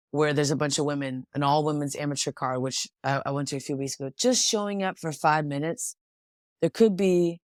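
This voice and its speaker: A young pro boxer from Washington State, USA speaks reflectively as a guest in a casual interview conversation, often restarting her sentences. Her voice is deep, and the recording is dry with clean studio sound.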